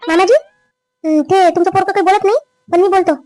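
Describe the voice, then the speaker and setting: Woman doing a scheming whiny daughter-in-law, super high and fast, family drama skit. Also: steady tone, a little mellow, dry recording. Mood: demanding. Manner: quick, complaining, rising whine. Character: scheming young wife, nagging and greedy.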